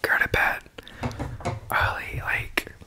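A man in his twenties doing fast whispered ASMR up close to the microphone, often repeating words and phrases. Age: 20s. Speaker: ASMR video creator. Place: small bedroom, indoors. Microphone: desk microphone, very close to mouth.

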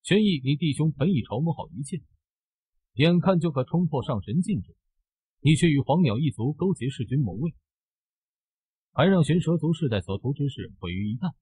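A man's voice: on the high side, expressive, normal speed, warm tone, slightly rough, no room sound, poor audio. A man voicing the grieving noble mother of a snake clan, speaking in a sorrowful, protective way.

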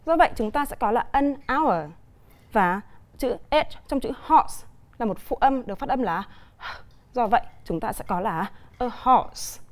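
Vietnamese-accented woman teacher, bright high register, patient televised lesson delivery. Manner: clear, deliberate explaining with examples. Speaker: English teacher.

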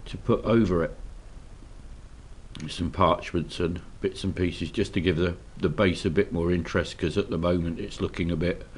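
There's a little hiss or hum as a low-pitched man talks at normal speed. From Scotland and with a slight cold, he casually describes painting miniatures at his hobby desk. His manner is relaxed, hesitant, and heavy with ums and uhs.

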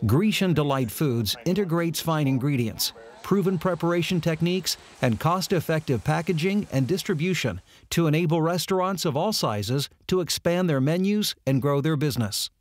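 A man reading scripted narration in a polished, even delivery. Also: fairly high pitch, moderate pace, dry recording.

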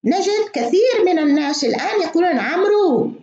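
A woman giving a spoken lecture, explaining with many examples and often pausing with fillers. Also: sits high, very animated, darkish tone. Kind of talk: spoken lecture on reading and spelling. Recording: echoey, dull lo-fi room recording.

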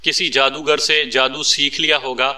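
A man's voice: medium pitch, level tone, normal speed, sharp tone. A man voicing a jealous, needling male agent in a read-aloud story. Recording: distant mic.

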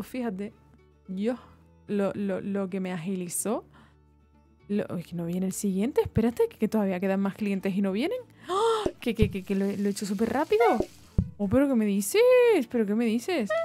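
A young woman, her voice sitting a little high as she chatters and exclaims through a cooking game. Loud game music and kitchen sizzles play behind her as she talks to her chat. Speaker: gaming streamer. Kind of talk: casual gameplay commentary. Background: cooking game music and sizzling sounds.

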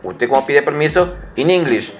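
A middle-aged man teaching young children in an online lesson, coaxing them to repeat phrases slowly. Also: a little high, animated, soft background music. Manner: patient, slow, spelled-out English phrases mixed into Spanish.

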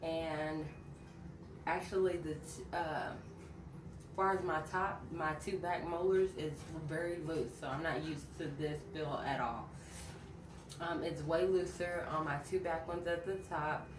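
A woman chatting casually in a vlog update, halting with fillers as she talks with dental aligners in. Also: deep voice, steady tone. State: talking with aligners in. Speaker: vlogger. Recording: echoey room, mic far off, audible noise.

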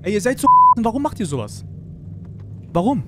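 A man roleplaying in a game, shouting and cursing aggressively in character. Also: high voice, sing-song, normal speed. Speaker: roleplay streamer. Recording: voice chat over loud game noise.

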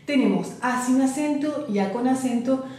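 A woman's voice: sits high, dark tone, a little hiss or hum. Echoey-voiced woman teaching French. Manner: patient, repeats words slowly for learners. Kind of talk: online language lesson. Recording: very echoey room.

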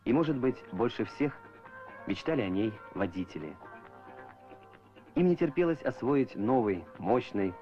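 A man narrating a scripted documentary as an old Soviet newsreel narrator, in a measured, formal announcer style. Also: mid-range voice, sing-song, dark tone. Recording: muffled old film soundtrack with music.

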